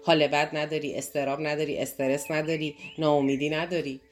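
Animated Persian-speaking woman teaching over music. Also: deep voice. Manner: animated, asks and answers own questions. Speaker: NLP course teacher. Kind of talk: motivational lesson talk. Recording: clear background music under voice.

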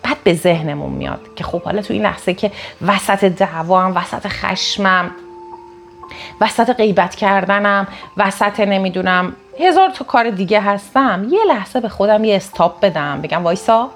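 A woman giving a recorded self-help lesson in a conversational way, deliberately raising and lowering her tone as she talks. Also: faint music behind. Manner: deliberately varies tone and loudness, conversational. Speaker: self-help course teacher.

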